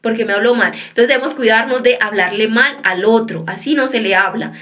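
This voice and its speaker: A woman's voice: fairly high pitch, fairly quick, fairly bright tone. Conversational woman preacher. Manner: conversational teaching, often checks in with listeners. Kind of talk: sermon.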